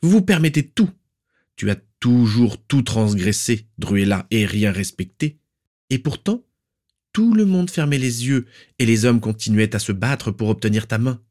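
A man's voice: on the high side, animated, moderate pace, darkish tone, voice pushed up, lightly acted. A man voicing a cold, implacable aristocratic aunt who accuses and scorns in an icy, unemotional tone. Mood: scornful.

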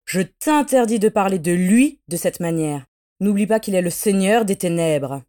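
A woman voicing a fierce, excitable young dark witch in a fantasy audiobook, who shouts eagerly and hisses when angry. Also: medium pitch, unhurried, close to an everyday voice.

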